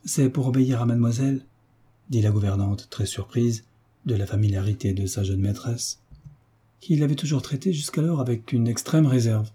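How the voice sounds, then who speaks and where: A man narrating a classic novel aloud at a calm, measured pace. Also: fairly low pitch, husky. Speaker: audiobook narrator.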